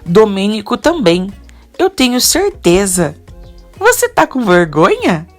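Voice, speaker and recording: A woman reading the lines of a guarded young police investigator from a soap opera recap, at an unhurried pace. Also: medium pitch, huge pitch swings, faint music behind, voice pushed up.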